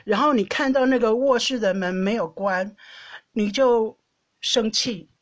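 A Taiwanese woman with a Taiwanese Mandarin accent, hosting a podcast and telling a personal story in an animated, chatty way, often laughing and tagging phrases with a soft "ha". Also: fairly high pitch, unhurried. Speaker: podcast host. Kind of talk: casual storytelling monologue.

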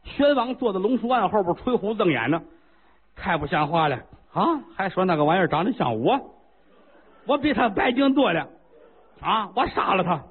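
A man's voice: high-pitched, very animated, moderate pace, breathy edge, voice pushed up, heavily acted. A man doing a ranting, furious old king. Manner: shouting, indignant outbursts. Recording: lo-fi phone-like recording.

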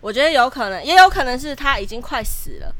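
Podcast co-host: Taiwanese Mandarin woman in her twenties, fast, animated storyteller. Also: sits high. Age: 20s. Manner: animated storytelling, lively and dramatic. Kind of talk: casual chat.

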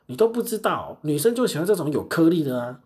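A man voicing a loud, pushy middle-aged male customer in a sing-song voice. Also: fairly high pitch, very animated, fast talker, pitched above the performer's own voice. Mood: brash.

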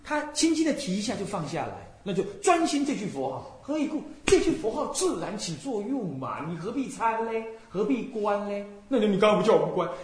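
A Buddhist abbot from Taiwan teaches in a lively, swooping voice that sits a little high for a man. He keeps putting rhetorical questions to his listeners and sometimes quiets down to show how to chant. The recording is echoey, with faint noise behind him. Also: fairly quick, hardly any pauses. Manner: animated lecturing, asks listeners rhetorical questions, softly demonstrates chanting. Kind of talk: dharma lecture.

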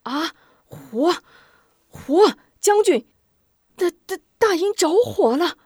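A woman's voice: fairly low pitch, expressive, slow, no room sound, studio quality. A woman voicing a smug, scheming male army adviser with a sly gloating tone. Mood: panicked.

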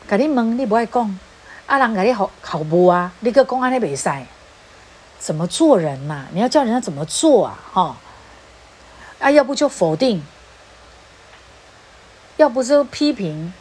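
Husky Taiwanese-accented woman lecturing. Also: medium pitch, darkish tone. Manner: mixes Hokkien phrases into Mandarin, acts out quoted speech. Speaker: speaker on relationships. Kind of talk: informal lecture.

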